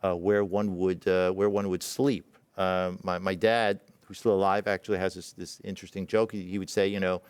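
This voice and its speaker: A middle-aged man born in Israel tells a personal story in a talk, halting and reflective, with many fillers and restarts. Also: low-pitched, flat delivery, clear, resonant tone, dry recording. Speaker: presenting physician.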